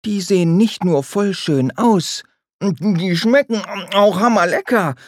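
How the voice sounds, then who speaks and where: Man doing a lively, clumsy little boy. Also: high-pitched, takes it slowly, no echo, studio quality, pitched above the performer's own voice. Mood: excited.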